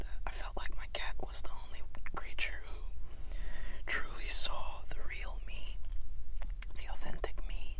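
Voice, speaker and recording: A young woman whispers a candid, hesitant, unhurried ASMR vlog from inside a small, quiet, sound-muffled closet. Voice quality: whispered, breathy. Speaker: ASMR video creator.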